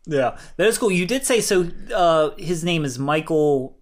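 A man's voice: on the high side, expressive, unhurried. A man co-hosting a podcast, chatting playfully about a film and cracking jokes. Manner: playful, jokey, quotes lines in mock voices. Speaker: podcast co-host. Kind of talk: casual movie review chat.

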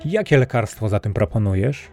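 A man's voice: fairly low pitch, expressive, brisk, mellow, faint music behind. A man voicing a grand old sultan. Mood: weary. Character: ailing old sultan, weary then overjoyed.

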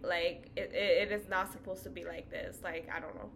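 Chatty podcast co-host from China. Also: female voice, on the low side, fairly even intonation, fairly quick, vocal fry, slight background noise. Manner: chatty, many fillers. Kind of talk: casual chat. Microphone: home recording.

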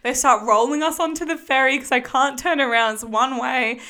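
Animated young Australian woman, higher voice. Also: moderate pace. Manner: animated storytelling, laughs often. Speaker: podcast co-host. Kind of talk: casual chat.

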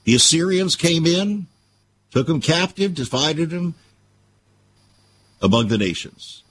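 A man's voice: a little high, very animated, slow pace, a bit bright, breathy edge. A man hosting a radio show, giving preachy Bible-based commentary full of rhetorical questions.

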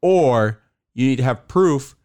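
A man's voice: medium pitch, animated, slow, a little mellow, clear, resonant tone. Rambling man with a slight lisp. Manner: loose, rambling, lots of "bro" and "like". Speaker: podcast co-host. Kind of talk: casual chat.

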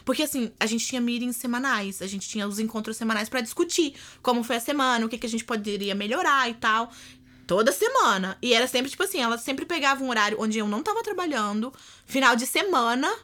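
A woman's voice: fairly high pitch, animated, fast talker, sharp tone. A young woman with a Brazilian Portuguese accent, telling her story candidly as a podcast guest and acting out what others said. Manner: candid storytelling, acts out quoted speech. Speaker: podcast guest, former au pair. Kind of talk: casual interview chat.

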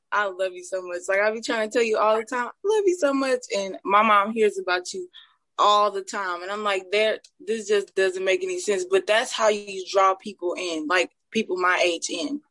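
A woman's voice: medium pitch, fairly bright tone, no room sound, poor audio. Gushing young woman caller. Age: young adult. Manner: gushing, fills her speech with "like". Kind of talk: casual chat.

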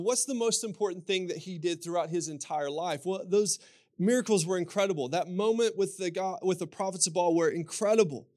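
A man with a Kentucky accent preaching as a pastor, telling scripture stories and repeating phrases for emphasis. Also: on the high side. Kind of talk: sermon with scripture storytelling.

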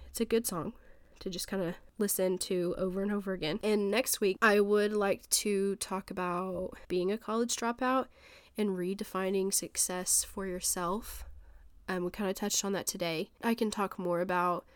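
This podcast host's voice is medium in pitch, with no room sound. In her thirties and congested from a sinus infection, she hosts a faith podcast from her home office, rambling earnestly and offering encouragement.

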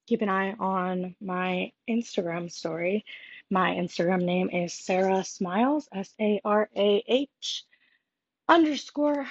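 Breathless young woman podcasting on the move. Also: mid-range voice. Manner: candid, rambling, self-deprecating. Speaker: podcast host. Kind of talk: casual solo podcast talk. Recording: dull lo-fi recording.

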